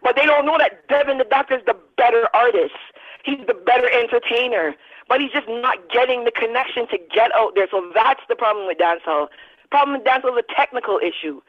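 A woman in her thirties, a radio interview guest, making an animated, emphatic argument. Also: a little high, fairly quick. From Barbados. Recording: dull lo-fi sound.

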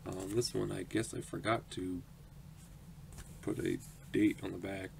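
This is the host of an autograph collecting channel, a man in his twenties, unboxing mail for a home vlog in a small indoor room. He's chatty and upbeat, laughs a lot and fills gaps with um, though his low voice comes out flat, measured and fried. The home recording is noisy.

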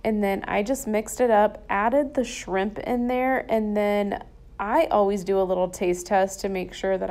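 A woman's voice: medium pitch, vocal fry, darkish tone. A woman narrating her home cooking in a chatty, enthusiastic, folksy way over a recorded voice-over. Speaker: cooking vlogger. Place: home kitchen.

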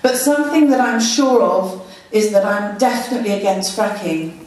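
An English parliamentary candidate reads a prepared opening statement to an audience in a meeting room, sounding expressive but a little hesitant at times. Her voice is mid-range, slightly mellow, and moderately paced. A far-off room camera records her, so the sound is distant and echoey.

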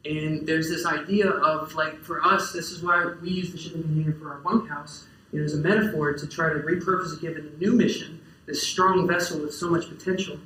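A young farmer gives a casual conference presentation in a lecture hall, often saying "uh" and "um" and restarting his sentences. His voice is fairly high, pushed and bright, with fairly even intonation, a slightly fast pace and few pauses. A distant camera in the audience picks him up amid the hall's roomy echo.

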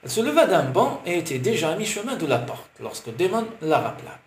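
A man's voice: high-pitched, sing-song, quick pace. Male audiobook narrator in a roomy space. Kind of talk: audiobook narration of a romance novel. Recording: roomy with faint hiss.

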